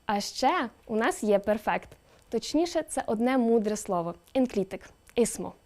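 Lively woman narrating an explainer. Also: on the high side, normal speed, faint music behind. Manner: lively, with rising emphatic questions. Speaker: presenter explaining a dialect. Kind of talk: scripted educational narration.

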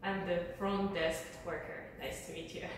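A woman's voice: on the low side, steady tone, moderate pace, slight background noise. A woman from Siberia, a resort front desk worker, greeting guests in a friendly way and laughing lightly. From Siberia, Russia. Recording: echoey hall, far from mic.

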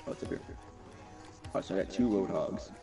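Young streamer with a gravelly voice. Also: male voice, low-pitched, fairly quick. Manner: hyped, slangy, reads chat aloud. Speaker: gaming streamer. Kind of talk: casual live-stream chat. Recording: distant mic under loud game music. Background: loud game music.

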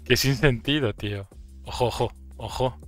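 A man from Spain with a Murcian accent, commenting on a game he is playing, breaking into loud surprised swearing and laughter. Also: mid-range voice, moderate pace, faint music behind. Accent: Murcian Spanish. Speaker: gaming streamer. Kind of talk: gameplay commentary.

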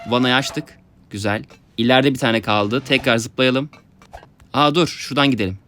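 A young man giving excited let's-play commentary, talking to his viewers and yelping at his mishaps. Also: medium pitch, moderate pace. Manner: excitable, yelps and laughs at mishaps, talks to viewers. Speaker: gaming YouTuber.

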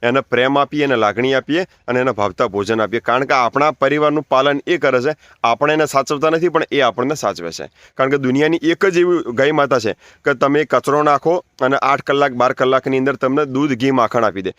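A man's voice: medium pitch, brisk, fairly bright tone, no echo. Man earnestly urging. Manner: preachy, repetitive, urging listeners. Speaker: natural farming advocate. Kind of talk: earnest spoken appeal.

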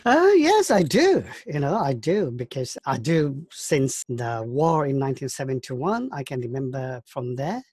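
A man in his fifties from Bangladesh, recalling his life in an interview, talking thoughtfully with halting restarts. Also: medium pitch, sing-song, darkish tone, husky. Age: 50s. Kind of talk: oral history interview.

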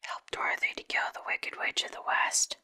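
A woman's voice: normal speed, bright, forceful tone. A woman voicing a huge, stern beast wizard from a storybook in an imperious whisper. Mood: commanding. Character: huge terrible beast wizard, gruff and commanding.

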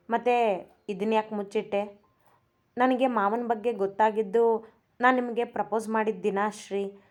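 A woman voicing a young wife who is shy yet cheeky, speaking quickly in a storybook reading. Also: mid-range voice, a little mellow, lightly acted. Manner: timid then teasing, quick delivery.

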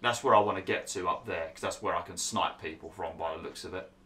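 A young gaming YouTuber commentates over gameplay, chatty and grumbling, laughing at himself and saying he is losing his voice. His low-pitched voice is pushed and bright, and he talks quickly.

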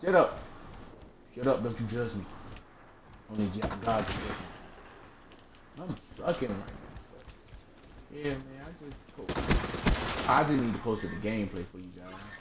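A young man giving excitable, joking commentary on his own gameplay, yelping and shouting at the screen. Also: lowish voice, a little slow, long pauses, heavy background noise. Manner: excitable, yelps and jokes at the screen. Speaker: gaming video creator. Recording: echoey room with loud gunfire.

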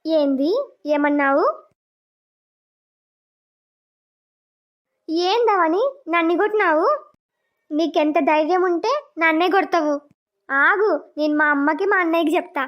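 A sly young sister-in-law in a village cartoon who mutters her plots aloud, as a woman voices her. Her voice sits very high, and the audio sounds dull and lo-fi. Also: normal speed. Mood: defensive. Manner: muttering to herself, plotting.

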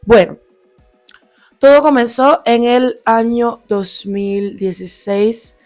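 A young woman from Cuba with a Cuban Spanish accent, slightly hoarse, chatting animatedly through a storytime vlog into a small handheld mic in a small home room. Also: on the high side, takes it slowly, no room sound, soft background music. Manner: chatty, animated, lots of fillers and asides. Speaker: vlogger. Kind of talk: casual storytime. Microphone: handheld lavalier mic near mouth.

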